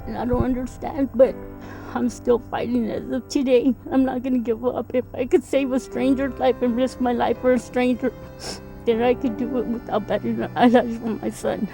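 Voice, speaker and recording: A woman's voice: on the high side, little pitch movement, moderate pace, creaky, over music. A woman, a mother being interviewed, speaking earnestly and pleadingly, often repeating herself. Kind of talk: emotional interview testimony.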